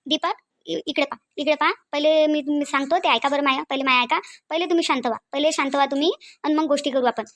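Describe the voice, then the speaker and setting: A woman plays a cartoon young daughter-in-law with a Varhadi Marathi accent, high and quick. She soothes and pleads, trying to calm everyone down. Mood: pleading. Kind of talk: cartoon voice acting.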